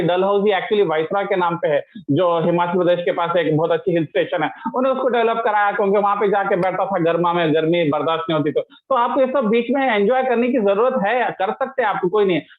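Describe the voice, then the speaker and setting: A man giving a casual religious lesson, explaining with everyday examples and English words mixed in. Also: high-pitched. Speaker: Islamic teacher. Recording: tinny phone-line sound.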